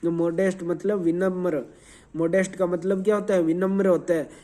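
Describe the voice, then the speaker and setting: In a rapid review session, this male teacher repeats the answers, tests the class with questions and spells out words one letter at a time. He has a high, mellow voice with a flat delivery.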